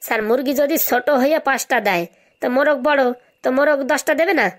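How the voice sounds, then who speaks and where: A performer voices a brazen, glib schoolboy with buck teeth in a comedy cartoon, using a high, fairly bright voice at a quick pace. He sounds cheeky and confident, answering back with absurd self-assurance.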